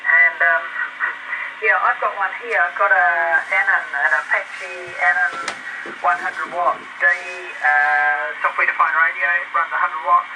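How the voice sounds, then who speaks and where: A middle-aged man, talking over a breaking-up ham radio link in an unhurried, halting way, often clearing his throat. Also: high voice, steady tone. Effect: heard over a crackling ham radio receiver, signal breaking up. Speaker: amateur radio operator. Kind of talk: ham radio contact chat. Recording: noisy received radio signal.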